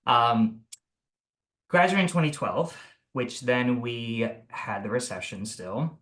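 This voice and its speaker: Speaking at a slow pace in a mid-range, slightly bright voice, this man from Italy, a thirty-something real estate agent, recounts his life in a relaxed video call interview. He wanders off track, fixes his own words, and laughs frequently.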